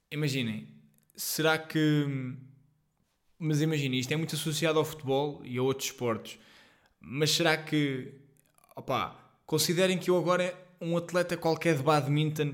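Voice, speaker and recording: Chatty young Portuguese podcast host. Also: male voice, fairly high pitch. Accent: European Portuguese. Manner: rambling, self-deprecating, excitable, heavy slang and fillers. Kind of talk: casual solo podcast monologue. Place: at home.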